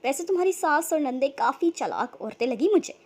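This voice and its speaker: A woman's voice: high-pitched, big pitch swings, fairly quick. A woman doing a snapping hot-tempered young woman. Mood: angry. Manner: snapping, resentful.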